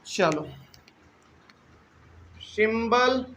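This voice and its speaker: A young man teaching chemistry to a class, repeating key terms slowly and often checking in with his students. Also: very high-pitched, expressive, fairly bright tone, a little hiss or hum. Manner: repetitive, drawn-out, checks in with students. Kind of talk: classroom lecture. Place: classroom with live and online students.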